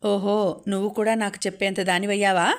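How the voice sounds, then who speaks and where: A woman's voice: mid-range voice, flat delivery, a little fast, lightly acted. A woman voicing a harsh, domineering older father in a storybook reading, with curt commanding lines. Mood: stern.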